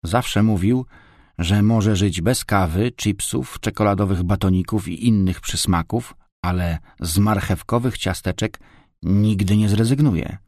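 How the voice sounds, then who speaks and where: A man reading a storybook, voicing a calm, careful grandfather who explains things patiently. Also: on the low side, measured pace, dry recording, studio quality. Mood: fond.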